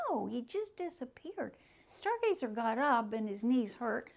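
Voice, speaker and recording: A woman telling a story aloud to children, stretching words for emphasis and asking them questions. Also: high-pitched. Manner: animated, drawn-out emphasis, asks the children questions.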